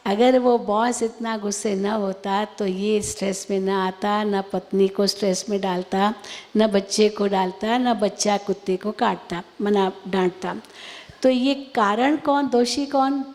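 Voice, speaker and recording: A woman's voice: medium pitch, fairly even intonation, unhurried, a little mellow. A woman spiritual teacher answering questions in a spiritual talk, patient and explaining through homely examples and rhetorical questions. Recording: long hall reverb.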